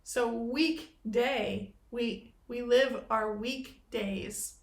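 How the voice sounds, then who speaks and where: A woman's voice: on the high side, extremely slow. A woman hosting a podcast, musing in reflective spiritual chat and playing on the meanings of words. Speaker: podcast host. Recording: echoey room.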